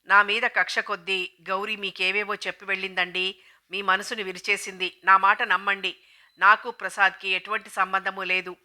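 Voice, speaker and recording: A woman's voice: medium pitch, little pitch movement, normal speed, pushed and bright. A woman voicing a frightened young wife who pleads desperately with her angry husband. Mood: pleading. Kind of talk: audiobook dialogue reading.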